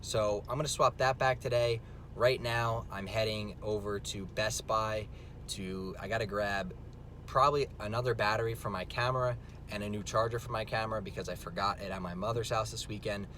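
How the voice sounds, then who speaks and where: A man's voice: fairly even intonation, moderate pace. A young man from New Jersey, filmed on a phone while driving, chatting loosely and rambling with lots of filler words. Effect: filmed on a phone in a moving car. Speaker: vlogger. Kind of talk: casual vlog chat while driving. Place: inside a car on the road. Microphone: phone camera mic. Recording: phone video with loud car rumble. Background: vehicle engine and road rumble.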